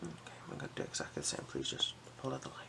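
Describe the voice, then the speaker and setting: Gentle, unhurried and reassuring, an ASMR performer role-plays an eye examiner, switching between breathy whispers and soft speech while giving instructions. The mid-range voice moves through big pitch swings, and the background is noisy.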